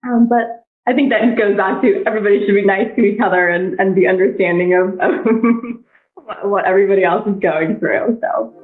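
A woman's voice: medium pitch, fairly quick. Woman on a tinny, echoey line. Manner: thoughtful, frequent restarts and fillers. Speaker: guest, bank technology head. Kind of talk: casual podcast interview.

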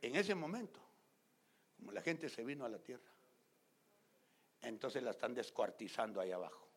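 A man preaching a fiery sermon as pastor. He talks straight to the congregation, gets loud and emphatic, and acts out scenes in other voices. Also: medium pitch, sing-song, normal speed, breathy edge. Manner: loud and emphatic, often shouting.

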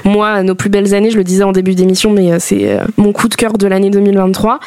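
A woman co-hosting a book show talks through her reading picks in a casual, chatty way. Her voice sits mid-range and sounds dry and close. She pauses often on small fillers. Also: mid-range voice, fairly even intonation, a little mellow, no echo. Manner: chatty, many fillers, enthusiastic about romances. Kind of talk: casual chat and book recommendations.

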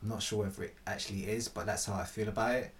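A man's voice: lowish voice, fairly even intonation, fast talker. A man in a casual philosophical chat, thinking aloud with hesitant restarts.

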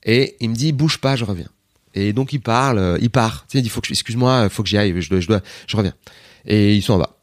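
A man with a fairly low voice tells a winding anecdote in a loose, chatty way, often digressing and acting out what others said. The sound is dry and close, with no room around him. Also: fast, dry recording. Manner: chatty, digressive, animated retelling with quoted voices. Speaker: guest comedian. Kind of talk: casual interview storytelling.

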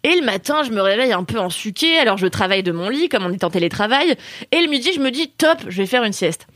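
A young woman co-hosts a relaxed podcast and launches into animated anecdotes. Her pitch sits a little high and swings widely as she acts out what others said. The sound is close and dry, with no room around it. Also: fast talker, no room sound. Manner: lively, laughing storyteller, acts out quotes. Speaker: podcast co-host. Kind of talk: casual podcast chat, storytelling.

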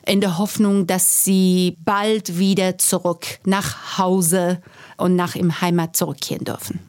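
A woman's voice: fairly low pitch, fairly even intonation, unhurried, darkish tone. A woman from Iran who speaks German, a guest in a podcast interview, explaining earnestly and making small grammar slips. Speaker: guest, university staff.

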